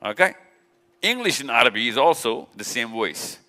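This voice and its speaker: Speaking with a sing-song lilt at a moderate pace, this Pakistani man has a medium-pitched, sharp-toned voice. He addresses a live crowd directly, teasing them and repeating himself often, in an interactive talk. The setting is a big event hall, and the recording carries long reverb.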